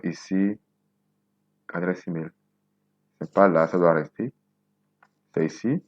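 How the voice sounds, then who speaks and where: A man in his twenties from Benin, whose first language is Nago, hosts a casual screen-recorded coding tutorial, thinking aloud slowly as he types and repeating words to himself. His voice is a low rumble with a breathy edge. The recording is muffled, with no echo.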